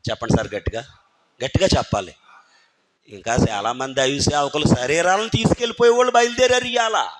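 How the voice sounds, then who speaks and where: Preaching a sermon in a church hall, a man with a somewhat high voice speaks fast and with animation. He keeps firing rhetorical questions at the congregation, calls on listeners by name, and urges them to think carefully.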